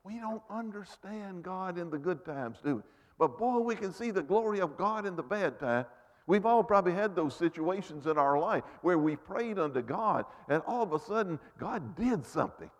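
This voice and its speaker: A man preaching a sermon, rising and falling in volume and dropping low for emphasis. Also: lively intonation, normal speed. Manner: rises and falls sharply, drops to near-whispers for emphasis. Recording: long reverb of a large hall.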